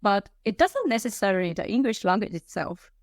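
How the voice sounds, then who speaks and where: A Japanese woman, a native Japanese speaker, chats casually as a podcast guest in Melbourne, Australia. Her mid-range voice is very animated and brisk, though she hesitates and restarts phrases with light laughs. The audio is studio quality with no echo.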